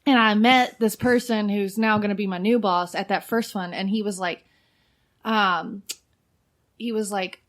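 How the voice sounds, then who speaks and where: Podcast guest, woman in her thirties, talkative and giggly, unhurried everyday delivery. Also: medium pitch, steady tone. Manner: chatty, fillers of "like", frequent laughter. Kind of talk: casual chat.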